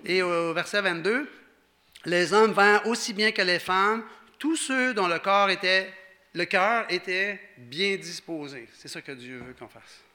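Quebec french pastor guy, high bright voice, chatty lively sermon. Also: measured pace. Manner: animated, conversational, acts out quoted speakers.

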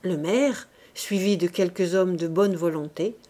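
A woman reading a classic novel aloud as an audiobook narrator, in clear, measured storytelling. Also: lowish voice, mellow. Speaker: audiobook reader.

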